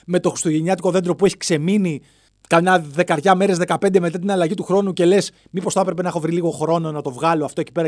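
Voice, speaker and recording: A man whose voice sits high hosts a comedic podcast on his own, recorded dry in a studio. Moving playfully from one bit to the next, he keeps dropping into silly voices.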